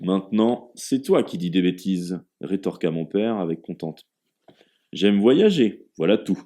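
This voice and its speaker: A man's voice: low voice, animated, a little slow, mellow. A man voicing a genial middle-aged father, a former scholar, in a contented tone.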